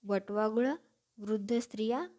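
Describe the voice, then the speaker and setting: A woman's voice: a little high, unhurried, mellow. A woman voicing a polite, bewildered young boy who asks puzzled questions. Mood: curious.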